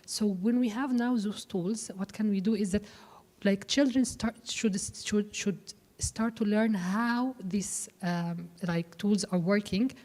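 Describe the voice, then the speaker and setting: A woman's voice: mid-range voice, takes it slowly, hardly any pauses, dark tone. Hesitant woman in echoey hall. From Egypt. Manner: hesitant, many fillers and restarts. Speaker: panelist. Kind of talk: panel discussion. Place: expo hall panel. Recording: reverberant hall.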